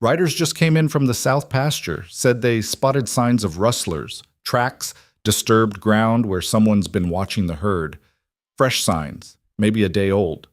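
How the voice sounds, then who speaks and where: A man's voice: on the low side, a little slow, dry recording, natural voice. A man playing a loyal ranch foreman who reports in an urgent, respectful way.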